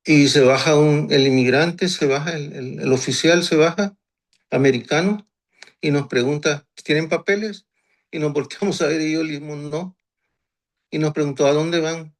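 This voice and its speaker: A man in his sixties from Honduras, telling his faith testimony in an earnest way and often repeating phrases. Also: fairly high pitch. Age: 60s. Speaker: guest giving a church testimony.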